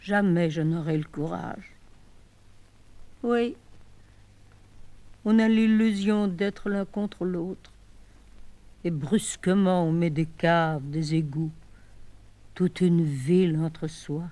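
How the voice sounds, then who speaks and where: Desperate abandoned lover, pleading. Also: female voice, lowish voice, warm tone, dry recording. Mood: despairing. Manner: halting, pleading, with sudden emotional swings. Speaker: actress in a one-woman play. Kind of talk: theatrical monologue on the telephone.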